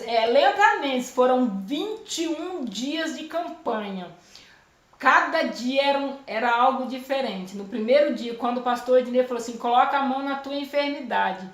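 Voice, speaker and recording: A woman's voice: high-pitched, echoey room. A woman from Brazil giving an earnest, emotional religious testimony at home, repeating her phrases, filmed on a phone camera. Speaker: testifying believer.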